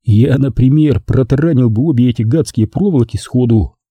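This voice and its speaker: A male narrator reads a first-person adventure with a very dark, husky voice and a lively, swinging delivery. He sounds close to the mic in a dry space with no room echo. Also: mid-range voice, fairly quick. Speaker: audiobook narrator.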